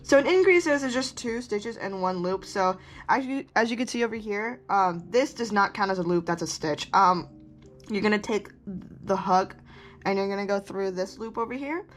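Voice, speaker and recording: A woman's voice: mid-range voice, normal speed, faint music behind. A woman casually talking through a craft tutorial step by step, rambling and correcting herself, chewing gum as she talks. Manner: chatty, rambling, self-correcting asides.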